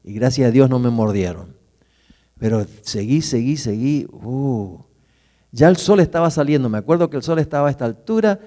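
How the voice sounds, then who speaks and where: Pastor telling a story in a reverberant hall. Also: male voice, medium pitch, expressive, normal speed. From Argentina. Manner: vivid personal storytelling, swings from loud to hushed. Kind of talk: sermon storytelling. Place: church hall. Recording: church hall with long reverb.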